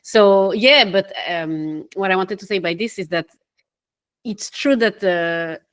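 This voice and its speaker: A young woman from Switzerland, a life coach and podcast guest, talking in an animated, casual way with small laughs and self-corrections. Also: medium pitch, slow pace, clean tone. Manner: animated, laughs between phrases, loses her train of thought. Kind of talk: casual interview talk.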